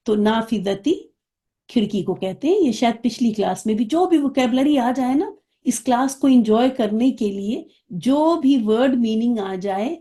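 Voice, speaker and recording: Mellow-voiced woman teaching a class. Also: fairly high pitch. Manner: patient explaining, checks understanding with the class. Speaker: Arabic teacher. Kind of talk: online class lesson.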